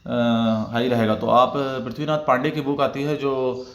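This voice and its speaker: A man's voice: medium pitch, level tone, unhurried, echoey room. A man teaching as an exam-prep tutor, going through test questions one by one and checking in with his viewers as he explains. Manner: explanatory, repeats "theek hai" as filler.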